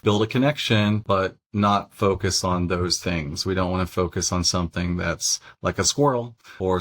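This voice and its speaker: Middle-aged guy doing phone training, lowish voice, laid back and chatty. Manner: conversational and relaxed, frequent "you know" asides. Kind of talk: casual training talk.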